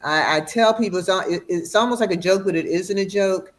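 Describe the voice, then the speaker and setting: A middle-aged woman speaks as a guest doctor in an interview, explaining clearly and patiently. She slows down to drive home important points and sometimes laughs as she talks. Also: mid-range voice. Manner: warm, explanatory, slows for emphasis. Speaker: radiation oncologist guest. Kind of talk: educational interview.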